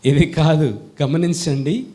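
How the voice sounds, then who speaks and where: A man with a Telugu accent preaching a sermon, who keeps quizzing his congregation with questions and swings between loud calls and quiet asides. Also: on the high side, fairly even intonation, slow. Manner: call-and-response questions to the congregation.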